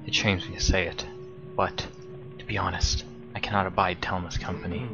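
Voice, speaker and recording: A man doing a hushed, solemn village shaman. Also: deep voice, little pitch movement, normal speed, lo-fi sound, over music, close to an everyday voice. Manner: hushed, formal, grave.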